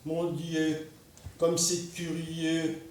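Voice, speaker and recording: A man playing a stiff, ceremonious gentleman. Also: fairly high pitch, monotone, recorded from a distance. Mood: formal, wondering. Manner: slow, ceremonious, repetitive politeness. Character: polite stiff gentleman, earnest, formal. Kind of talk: stage play performance. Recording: echoey room, miked from afar.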